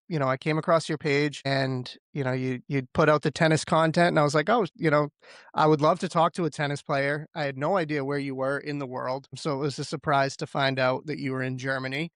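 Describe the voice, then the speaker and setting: A man's voice: fairly high pitch, a bit bright, no echo, studio quality. A man hosting a podcast interview, friendly and loose, with many "you know" fillers. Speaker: podcast host.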